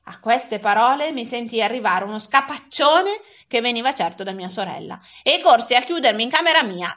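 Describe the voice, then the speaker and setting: Expressive woman reading a storybook. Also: fairly high pitch, highs cut off. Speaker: reader. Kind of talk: reading a children's novel aloud.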